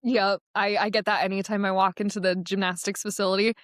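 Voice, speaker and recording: A woman's voice: mid-range voice, flat delivery, a little fast, a bit bright, dry recording. Young woman, casual interview guest, laughs easily, dry studio sound. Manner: chatty, laughs often. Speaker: guest, associate director of athletics marketing.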